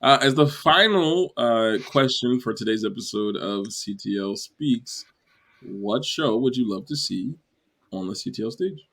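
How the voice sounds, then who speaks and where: A man's voice: medium pitch, animated, measured pace, creaky, fairly bright tone. A man hosting a casual theatre chat show, asking questions in an easygoing, laughing way. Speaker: podcast host.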